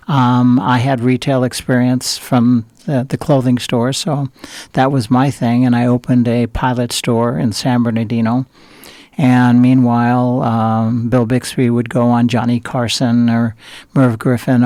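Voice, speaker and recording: An older man from Southern California, a guest in an interview, tells rambling stories full of fillers and restarts. His voice is mid-range and darkish, with no echo.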